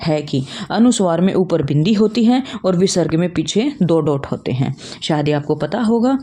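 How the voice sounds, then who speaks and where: A woman's voice: lowish voice, animated, normal speed, warm tone. A young woman teacher giving an online lesson, explaining step by step and posing questions she then answers herself. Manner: addresses students as children.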